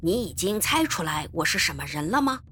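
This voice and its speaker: A woman reading as a cunning male detective who leans in and coaxes in a hushed, scheming tone. His voice sits lower than the narration, with wide swings in pitch. Soft music runs beneath. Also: big pitch swings, normal speed, full character voice. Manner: low, coaxing and conspiratorial.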